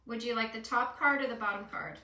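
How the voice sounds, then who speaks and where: In a casual conversation, a woman hosts a card reading, explaining things instructively and often checking that the listener agrees. Her voice is a little high, fast and sharp, picked up by a distant mic in an echoey room.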